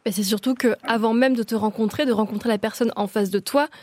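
Quick, firm-spoken woman. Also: fairly high pitch, steady tone, a little mellow. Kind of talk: candid conversation.

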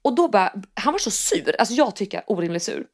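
A woman's voice: medium pitch, very animated, creaky. A Swedish woman co-hosting a podcast, talking casually, swearing freely and acting out the lines of people she quotes. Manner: chatty, swears casually, acts out quoted dialogue. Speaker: podcast co-host. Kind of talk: casual chat.

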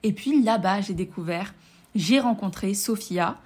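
A woman's voice: mid-range voice, a little slow, a little mellow, husky. Enthusiastic French-speaking woman podcaster. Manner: enthusiastic, chatty, addresses listener directly. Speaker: podcast host and coach. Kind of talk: casual personal podcast monologue.

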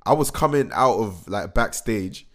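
Low-voiced young man, excitable. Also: unhurried. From England. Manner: excitable, rambling, slangy, many fillers and restarts. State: hoarse, recovering from a cold. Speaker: musician. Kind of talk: casual vlog recap.

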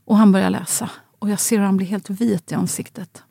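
Husky, gravelly woman telling a grave story. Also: mid-range voice, steady tone, no room sound. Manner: quiet, halting and grave. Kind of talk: scripted personal narration.

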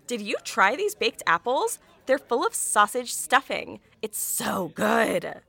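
A woman's voice: a little high, very animated, slow pace, creaky, bright, forceful tone, heavily acted. An actress playing a sweet, dim, eager woman podcast co-host who gushes and fawns, in a fiction podcast drama. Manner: bubbly, fawning.

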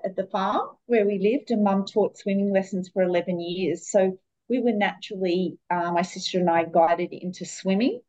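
A woman's voice: medium pitch, dull audio. Australian woman in her fifties, chatting. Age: 50s. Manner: relaxed storytelling with fillers. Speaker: podcast guest. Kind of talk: casual interview chat.

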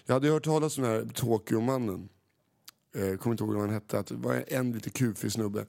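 Gravelly man joking in casual chat. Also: medium pitch, darkish tone. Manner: joking, self-mocking. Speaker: podcast co-host. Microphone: handheld microphone.

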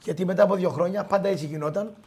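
A middle-aged man telling anecdotes in a casual chat, animated, quoting people and laughing often. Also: sits high. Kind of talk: casual storytelling.

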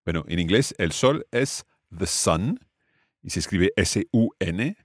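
A man's voice: deep voice, expressive, slow pace, husky, no echo, clean studio sound. A man teaching family words in English, explaining patiently and repeating each word for his student. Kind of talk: language lesson dialogue.

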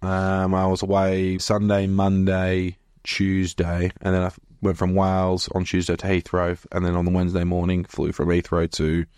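A man's voice: low voice, monotone, moderate pace, hardly any pauses, a little mellow, clear, resonant tone, no echo, studio quality. A man with a broad Australian accent chatting casually on a podcast as co-host, blokey and full of informal slang. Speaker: business owner and podcast co-host. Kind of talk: casual conversational podcast chat.

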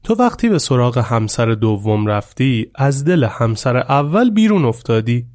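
A man voicing a wise older male teacher who speaks gently and measured, as if smiling. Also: mid-range voice, very animated, no room sound, clean studio sound, lightly acted. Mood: calm.

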